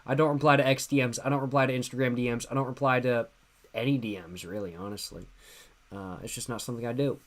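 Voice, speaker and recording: A fast-talking guy in his twenties runs a livestream, his medium-pitched voice staying fairly even. Tipsy and relaxed, he reads viewer questions from chat and answers them in slang, repeating his own phrases.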